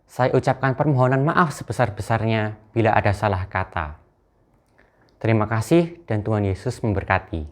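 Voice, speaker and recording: A man's voice: on the low side, lively intonation, normal speed. A teenage boy giving a formal student speech, reciting a rhyming verse in a sing-song manner. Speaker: student speaker.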